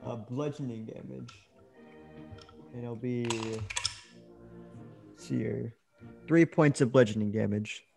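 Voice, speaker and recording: Man, player, tabletop game, gravelly, slow, hesitant. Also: mid-range voice, music in the background. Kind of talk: casual tabletop game play.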